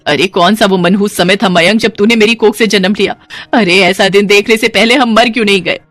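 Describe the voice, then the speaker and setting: A woman's voice: medium pitch, brisk, fairly bright tone, no echo, faint music behind, natural voice. A woman voicing an exasperated middle-aged mother-in-law who scolds and frets.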